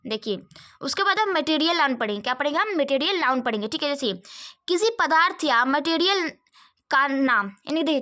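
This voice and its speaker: A woman's voice: high-pitched, sharp tone. A young woman with a Hindi accent teaches grammar in an online lesson, asking questions and answering them herself. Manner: repeats questions and answers them herself, frequent "theek hai".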